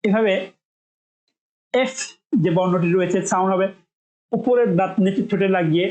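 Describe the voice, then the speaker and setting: A woman teaching English pronunciation, saying each sound slowly several times so learners can copy it. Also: medium pitch, darkish tone, roomy sound, dull audio. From Bangladesh. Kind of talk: spoken lesson, demonstrating sounds.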